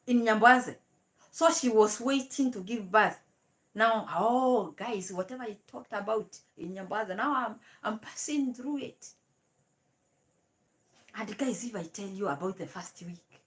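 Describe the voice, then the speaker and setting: A woman's voice: fairly high pitch, a bit bright. A young woman hosting a live stream, giving mocking commentary and laughing between remarks.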